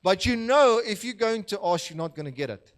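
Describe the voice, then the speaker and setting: High-voiced man preaching. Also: expressive, a little fast. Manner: conversational storytelling, laughing at his own anecdotes; asks the slide operator for the next verse. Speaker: pastor. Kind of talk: sermon.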